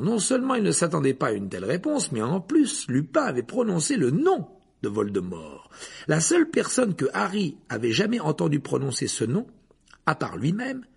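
A man narrating a story aloud in an expressive, animated way. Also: on the high side, normal speed, gravelly, husky. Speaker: audiobook narrator. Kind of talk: storybook reading.

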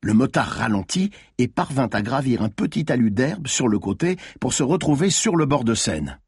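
A man's voice: mid-range voice, very animated, moderate pace, darkish tone, slightly rough, no echo, clean studio sound. A man reading a thriller audiobook aloud with tense, dramatic narration.

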